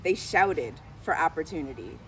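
A middle-aged woman with a deep voice reads a picture book expressively at normal speed, in the style of a storyteller. She is a school diversity director on a garden bench beneath trees outdoors. Her voice and the outdoor noise are captured by a camera mic a few steps away.

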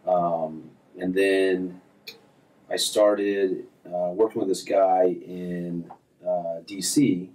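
In a casual interview chat, a golf instructor in his thirties speaks extremely slowly in a deep voice. Relaxed and rambling, he fills his talk with fillers and restarts. He's far from the mic in a small office with framed diplomas, and the recording is rough.

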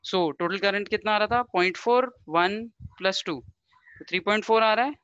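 A woman's voice: medium pitch, a bit bright, clean tone, dull audio. A woman teacher running an online class over a video call, explaining step by step and mixing Hindi with English. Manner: reads through an attendance list briskly.

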